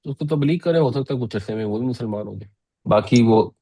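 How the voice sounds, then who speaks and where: A man gives a classroom lesson, explaining each point patiently and repeating words for his students. His mid-pitched voice is mellow and warm. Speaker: Quran teacher.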